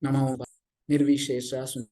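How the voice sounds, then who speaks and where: A man's voice: mid-range voice, flat delivery, a little slow, warm tone. Man chanting through a breaking-up call. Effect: online call audio breaking up and cutting out. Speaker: spiritual course instructor. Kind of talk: chanting prayers over an online call. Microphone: online video call. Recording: choppy, breaking-up internet call audio.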